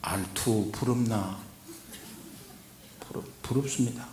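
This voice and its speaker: A man preaching at a revival, telling a story and then exhorting, moving from hushed recounting to loud urging. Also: lowish voice, slow pace, slight background noise. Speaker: guest preacher. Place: church sanctuary. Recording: echoey church hall.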